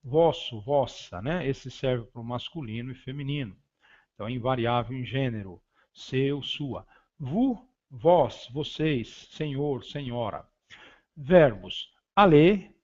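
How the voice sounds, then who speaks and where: A man teaching a beginner French lesson, saying each word and then its translation, lifting the French words louder and stumbling on fillers as he explains. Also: mid-range voice, slow pace, lo-fi sound. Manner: hesitant fillers while explaining. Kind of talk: beginner language lesson, reading vocabulary.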